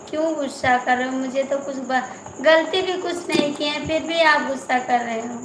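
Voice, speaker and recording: A high-pitched woman chats casually on a live stream, teasing and coaxing her viewers and repeating her lines. The room rings with echo, and crickets chirp clearly behind her. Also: noisy background. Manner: pleading, teasing, repeats herself. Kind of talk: casual live-stream chat reading comments.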